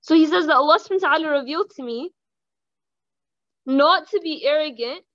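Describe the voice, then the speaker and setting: A young woman giving a casual religious reminder, chatting with the audience, asking them questions and reciting Arabic quickly. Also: high voice, fairly bright tone, dry recording. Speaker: Islamic reminder speaker. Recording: dull lo-fi dry sound.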